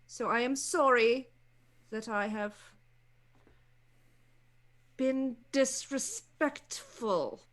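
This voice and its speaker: A woman playing a young vampire fledgling in a tabletop game, halting and carefully holding her composure. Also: a little high, fairly bright tone. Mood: upset, restrained. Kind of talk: tabletop role-play acting.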